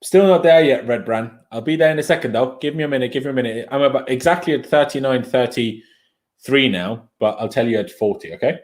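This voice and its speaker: Brisk and mid-range, this young Austrian man, a native German speaker, talks his stream through a football match. He's chatty and full of opinions, calling the play and reading out incoming viewer comments.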